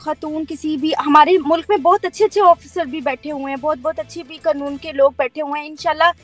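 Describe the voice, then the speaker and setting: A woman's voice: high-pitched, steady tone, fast talker, faint music behind. A woman in her thirties with a Pakistani Urdu accent, giving an earnest, firm account as an interviewee on a call and mixing in English words.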